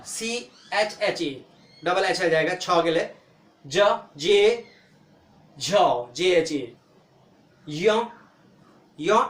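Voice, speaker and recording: A man teaching the alphabet, spelling out each letter slowly and answering his own questions as he explains. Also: sits high, a bit bright, roomy sound. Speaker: language teacher. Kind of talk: explaining lesson.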